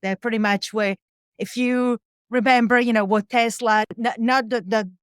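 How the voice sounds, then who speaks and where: On the high side and smooth, with fairly even intonation and a moderate pace, this woman's voice is captured in a dry, clean studio recording. She is a European musician and sound engineer being interviewed from her home studio on a boat, chatty and full of fillers and small laughs.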